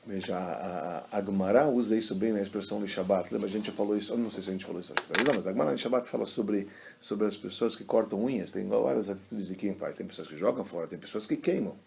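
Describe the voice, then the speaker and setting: Fast gravelly rabbi teaching. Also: male voice, lowish voice, a little hiss or hum. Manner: animated, colloquial storyteller, acting out quotes. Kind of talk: casual religious lesson with storytelling.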